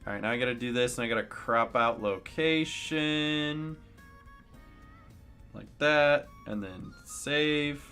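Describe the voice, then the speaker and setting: A young man streaming live, chatting casually to his viewers and rambling through exasperated complaints, with sudden high outbursts. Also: slow, sharp tone, clean tone, soft background music.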